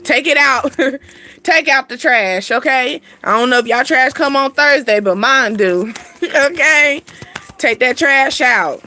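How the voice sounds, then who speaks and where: A woman's voice: high voice, takes it slowly, bright, forceful tone, slight background noise. A woman hosting a casual card reading for viewers, slangy, blunt and playful, laughing often. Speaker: spiritual card reader and channel host.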